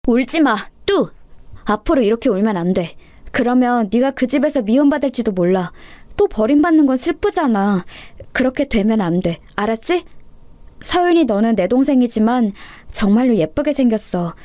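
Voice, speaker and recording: A woman's voice: fairly high pitch, animated, normal speed, dry recording, lightly acted. A woman voicing an earnest orphan girl who firmly comforts and lectures her little sister. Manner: firm, gently scolding.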